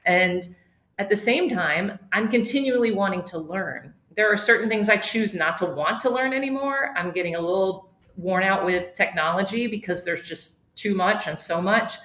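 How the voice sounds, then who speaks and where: A woman's voice: mid-range voice, normal speed, fairly bright tone. A middle-aged woman giving a casual webinar talk as a yoga instructor, chatty and digressive, laughing often. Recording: roomy echo.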